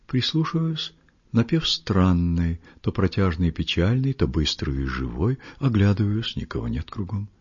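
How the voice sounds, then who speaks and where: Husky man narrating a classic story. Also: on the low side. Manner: measured, expressive storytelling. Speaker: audiobook reader. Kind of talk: literary audiobook narration. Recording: muffled lo-fi recording.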